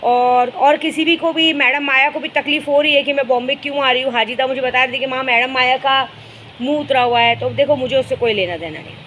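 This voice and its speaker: This spiritual guide speaks fast with few pauses, her high-pitched voice fairly bright, as she chats to followers in a casual vlog full of stories and fond asides. Slight background noise and rough recording quality come through.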